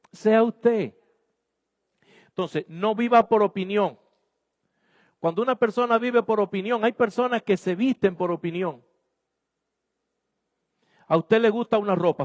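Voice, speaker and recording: A man's voice: sits high, darkish tone. A man preaching a sermon as pastor, exhorting his congregation emphatically in a church. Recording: long hall reverb.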